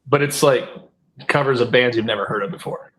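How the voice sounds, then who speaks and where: A man's voice: mid-range voice, brisk, a crowd in the background, rough recording. A man, a musician guest, talking in a laid-back, easygoing way on a call. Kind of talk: casual chat on a video call.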